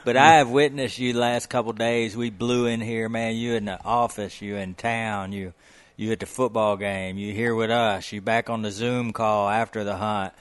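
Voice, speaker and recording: A man's voice: on the low side, steady tone, moderate pace, clear, resonant tone. A man co-hosting a casual podcast, talking in a folksy, enthusiastic, rambling way. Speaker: podcast co-host. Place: guest's home on the coast.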